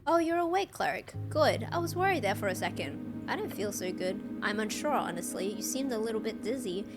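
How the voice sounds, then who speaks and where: A woman's voice: on the high side, lively intonation, brisk, close to an everyday voice. Woman reading as a slick, long-winded pale official. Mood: falsely concerned. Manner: formal, courteous, long-winded. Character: smooth-talking pale male official, evasive and flattering. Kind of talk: reading game dialogue aloud. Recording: game music in background.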